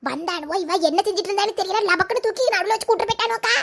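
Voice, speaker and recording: A shrill, very high-pitched young village woman, voiced by a woman in a cartoon. She speaks, chattering away in an excitable, gossipy manner. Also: racing, vocal fry. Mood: worried.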